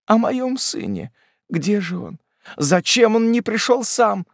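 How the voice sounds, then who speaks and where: A man's voice: high voice, big pitch swings, slow pace, creaky, no room sound, clean studio sound, pitched above the performer's own voice, full character voice. A man reading an audiobook and voicing a desperate, grief-stricken widowed mother in frantic, pleading cries. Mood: pleading, eager.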